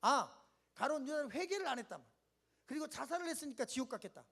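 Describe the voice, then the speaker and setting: A man's voice: very high-pitched, lively intonation, fast, fairly bright tone. A man preaching a sermon at a winter camp, leading the congregation to repeat lines and answer amen. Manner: asks questions and answers them himself in short steps. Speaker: pastor.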